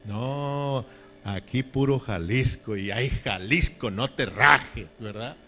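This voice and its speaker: A man's voice: mid-range voice, slow pace, bright, forceful tone, slight background noise. A man preaching a sermon in a folksy, joking way, often checking in with his listeners. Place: church.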